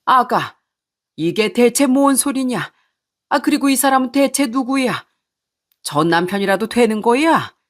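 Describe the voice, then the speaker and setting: Give me a woman playing an angry elderly father in a story, shouting questions at a high pitch. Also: animated, measured pace. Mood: shocked, furious. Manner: indignant, demanding questions.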